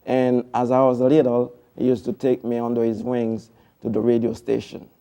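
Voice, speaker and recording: A man's voice: mid-range voice, completely flat delivery, moderate pace, gravelly, mellow. A man from Haiti, a TV producer, speaking as a studio interview guest in a formal, devotional way with hesitant fillers.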